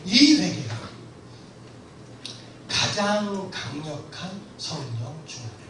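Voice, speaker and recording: Male pastor, middle-aged, fervent storytelling sermon with frequent shouts; high, bright voice; very reverberant church hall, distant mic, faint hiss. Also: very animated, slow pace. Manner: impassioned, storytelling, often shouting. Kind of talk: sermon lecture to a congregation.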